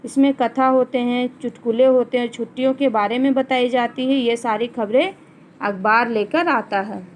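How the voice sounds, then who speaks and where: Female teacher, high voice, online class lesson; slow verse reading followed by plain explanation. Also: fairly even intonation, slight background noise, poor audio. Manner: recites verse lines slowly, then explains them plainly. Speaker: Hindi teacher.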